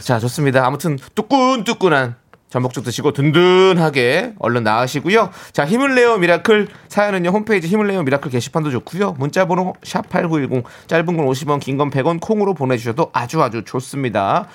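A man hosting a radio show from the studio, polite and deadpan, playing along with his co-host's jokes. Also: fairly high pitch, fast talker. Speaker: radio host. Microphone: studio microphone.

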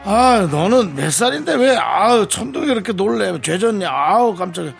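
Man doing a grumpy, gravelly husband. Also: sits high, lively intonation, moderate pace, soft background music, voice pushed up, exaggerated voice. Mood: irritated. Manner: grumbling, sighing, barking. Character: grumpy middle-aged husband, always hot, rude. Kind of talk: comic radio skit acting.

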